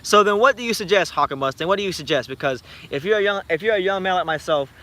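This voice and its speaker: A man in his twenties hosting a boxing channel, chatting late at night and answering viewer comments in an animated, rambling way with many restarts. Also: high-pitched, fast talker. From United States. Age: 20s. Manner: animated, rambling, frequent repeated starts. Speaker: YouTube boxing channel host.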